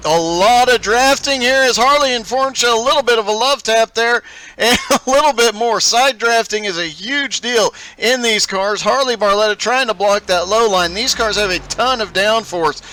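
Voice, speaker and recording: A man's voice: extremely high pitch, moderate pace, bright, forceful tone. A man calling a live sim racing event play-by-play, upbeat and laughing often as he goes. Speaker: race commentator.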